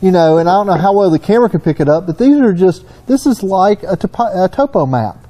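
Middle-aged Southern US man, folksy technical explainer; high-pitched, mellow tone. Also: expressive, fast talker. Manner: folksy, storytelling. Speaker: engine consultant.

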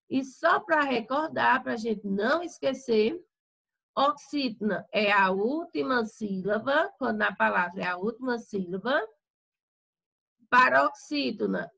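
A woman teacher talks her pupils through a lesson, repeating each example with care. Her voice sits high and bright, with a gravelly edge. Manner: slow, careful explanation with repeated examples. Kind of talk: recorded remote Portuguese lesson.

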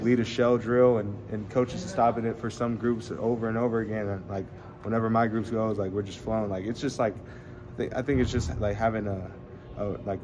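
In an arena hallway, a young college basketball player fields reporters' questions after a game in a postgame media scrum. He's relaxed and rambling, full of fillers and restarts, and his voice is on the low side. Crowd noise from the hallway fills the recording.

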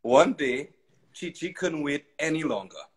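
Expressive man reading a kids' story. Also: a little high, a little slow, breathy edge, rough recording. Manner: expressive, sing-song. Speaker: narrator. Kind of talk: reading a children's story aloud.

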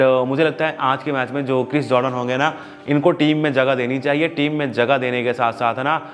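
A man giving fantasy cricket tips in a chatty, emphatic way, talking straight to his viewers. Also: fairly high pitch. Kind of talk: casual analysis video.

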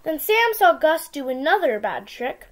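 A woman reading a picture book aloud to young children with simple, expressive storytelling, recorded in a small room on a device mic. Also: high voice, measured pace. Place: small indoor room with bookshelves.

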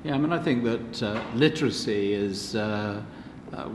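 A man's voice: fairly low pitch, moderate pace. A man on a panel answering a question, hesitant with many restarts, speaking into a table microphone in a large lecture hall. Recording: echoey hall, some background noise.

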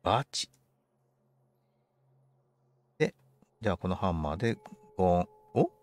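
A man's voice: deep voice, expressive, a little slow, a little mellow. A man commentating on a game for a livestream, politely musing aloud to himself in casual chat. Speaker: game streamer.

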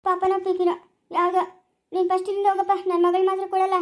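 A woman's voice: very high-pitched, completely flat delivery, very fast. Woman playing a scolding mother-in-law. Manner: scolding, dismissive. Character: scolding middle-aged mother-in-law, sharp-tongued. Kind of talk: family comedy skit.

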